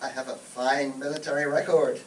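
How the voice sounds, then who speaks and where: A man's voice: medium pitch, flat delivery, moderate pace, lightly acted. A man playing a pompous, blustering British army major in an amateur radio comedy performed on stage. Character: Major Bloodnok, pompous male British military officer, shady and blustering. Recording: roomy, distant stage recording with faint noise.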